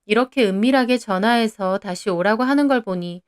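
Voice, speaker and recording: A young woman narrating her own story in the first person, in an even, confiding way. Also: medium pitch, brisk, clear, resonant tone.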